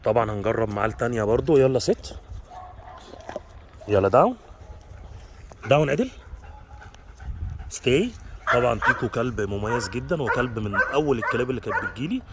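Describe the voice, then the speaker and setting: Egyptian man, dog trainer and vlog host, mid-range voice, fast and brisk, barking out short commands and quick praise. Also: medium pitch, expressive, background noise. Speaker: dog trainer and dog park owner. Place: dog park.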